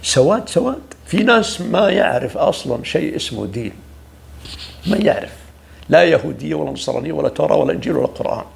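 A man giving an informal religious talk, preachy and lively, often acting out the voices of people he quotes. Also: fairly high pitch, quick pace, gravelly. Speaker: religious speaker.

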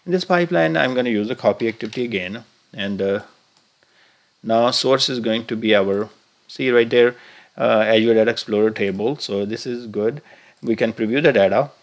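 A man with giving a halting screen-recorded software tutorial, thinking aloud with many filler sounds as he clicks through steps. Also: mid-range voice.

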